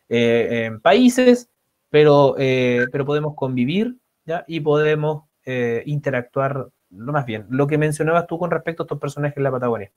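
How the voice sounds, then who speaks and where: A man co-hosting a literary discussion, pausing often with fillers and restarts. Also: fairly high pitch. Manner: hesitant, many fillers and restarts. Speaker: co-host.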